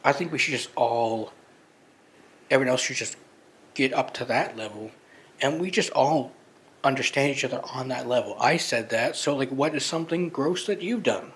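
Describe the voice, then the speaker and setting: A man co-hosts a podcast in casual banter, rambling with many restarts and fillers. His mid-range voice is husky and a bit bright, moving at normal speed.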